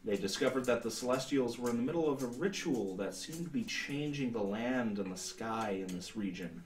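A man's voice: medium pitch, animated, a little fast. A man in his thirties narrating a tabletop role-playing game as game master, explaining things somewhat hesitantly. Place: indoor room, seated at a table. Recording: roomy sound, distant mic.

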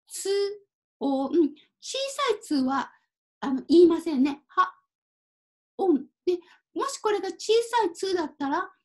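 A woman teaching a Japanese kanji reading lesson, speaking slowly and carefully, mixing in simple English explanations. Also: high voice, dark tone. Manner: apologizes and laughs at her own typo.

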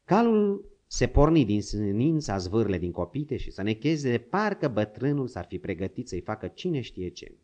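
A man's voice: mid-range voice, very animated, hardly any pauses, darkish tone. A man narrating an audiobook in a dramatic storytelling manner, in a dull lo-fi recording.

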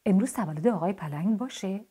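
A woman voicing a caring mother in a children's storybook, gently asking questions. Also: medium pitch, animated, slightly rough. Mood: gentle.

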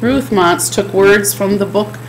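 A woman's voice: mid-range voice, a little slow, slight background noise, rough recording. A middle-aged woman giving a chapel sermon from a home office, speaking in an earnest, repetitive preaching cadence into a desk webcam. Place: home office with bookshelves, indoors.

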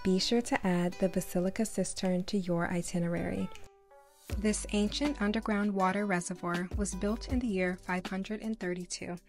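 A woman's voice: medium pitch, steady tone, normal speed, darkish tone. Chatty woman vlogger, light music behind. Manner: chatty, informal narration. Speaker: travel vlogger. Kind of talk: travel vlog voice-over.

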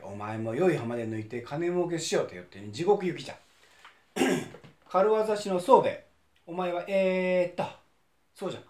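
A man voicing a pompous, gruff male king of hell who scolds impatiently in a Kansai accent. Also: a little high, darkish tone, roomy sound, natural voice.

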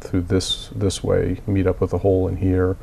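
A man's deep, gravelly and slightly mellow voice stays monotone at a moderate pace, with a little hiss or hum in the audio. As a miniature hobbyist recovering from a cold, he coughs now and then, casually and methodically talking through a hobby build in plain terms with lots of fillers.

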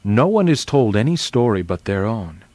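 A man voicing a majestic, wise male lion in a children's story read aloud, speaking slowly and gravely. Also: fairly low pitch, big pitch swings, a little mellow, no echo. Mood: solemn. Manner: slow, grave, deliberate speech. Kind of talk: reading a children's novel aloud.

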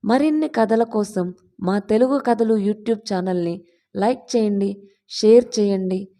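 A woman narrating an audio story in a steady storytelling reading. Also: mid-range voice, unhurried.

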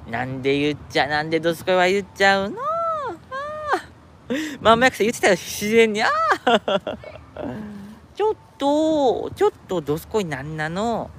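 A man's voice: high voice, huge pitch swings, normal speed. A man chatting casually on a live stream from an outdoor park, reading viewer comments aloud and laughing at himself. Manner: chatty, self-mocking, laughs often. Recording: outdoor traffic noise. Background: street traffic.

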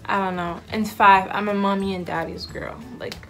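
A woman's voice: medium pitch, steady tone, normal speed, soft background music. A woman in her twenties, raised in Haiti, chatting to camera with a giggly, filler-filled manner in a small room. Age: 20s. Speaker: vlogger. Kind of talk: casual introduction to camera. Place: indoors, small room with backdrop. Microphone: camera in front, head and shoulders.

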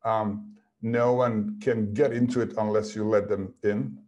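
A man's voice: lowish voice, little pitch movement, unhurried, darkish tone. A man in his fifties, an author on a panel, speaking over a video call from a home office and working through his ideas in long, thoughtful clauses. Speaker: author guest. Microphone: video call, computer mic.

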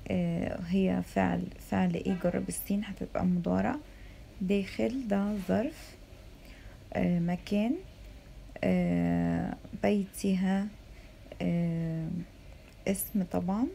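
A primary school Arabic teacher with an Egyptian accent leads a recorded classroom lesson, asking young pupils questions and leaving sentences open for them to complete. Her voice is lowish and creaky with a dark tone, keeping a measured pace and little pitch movement, over slight background noise.

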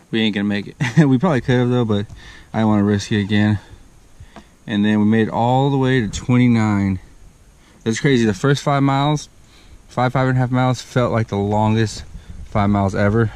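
A man's voice: on the low side, a little mellow, clean tone. A young man, casually recapping a kayak fishing trip outdoors on an action camera. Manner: laid-back, rambling recap. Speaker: fishing vlogger. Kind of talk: casual outdoor vlog narration. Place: outdoors on a riverbank.

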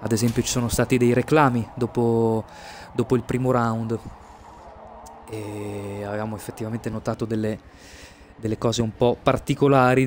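A man's voice: mid-range voice, a little mellow, slight background noise. A man giving casual live sim racing commentary as a streamer, hesitating and repeating words as he goes. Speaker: esports race commentator and streamer.

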